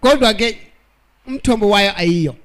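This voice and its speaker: A man's voice: sits high, a little slow, a bit bright. A man interpreting a sermon, echoing the preacher line by line.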